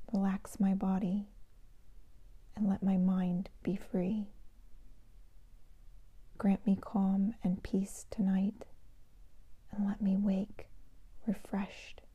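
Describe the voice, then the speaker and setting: Slow, hushed woman as sleep story narrator. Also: medium pitch, no room sound. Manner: hushed, breathy half-whisper. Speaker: host, card reader and meditation guide. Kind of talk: sleep story narrator, soothing guided sleep meditation.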